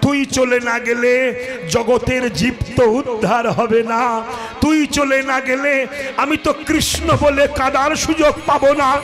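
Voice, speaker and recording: Grieving mom figure, put on by a high-voiced male kirtan singer, pleading, half singing, music behind. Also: little pitch movement, measured pace. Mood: impassioned. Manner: sobbing, pleading, rising to sung cries. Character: grieving devoted mother of a young monk. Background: devotional music.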